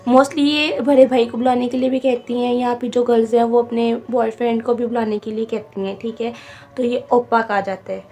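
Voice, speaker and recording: A woman teaching a beginner vocabulary lesson, repeating each word slowly and spelling it out syllable by syllable. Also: a little high, fairly even intonation, dark tone. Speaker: language teacher.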